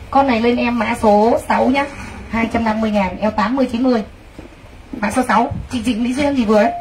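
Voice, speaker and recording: Lady selling clothes live, gushy and talking to viewers, kinda far from mic with faint noise behind. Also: fairly high pitch. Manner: excitable, gushing exclamations, addresses viewers directly. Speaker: livestream clothing seller.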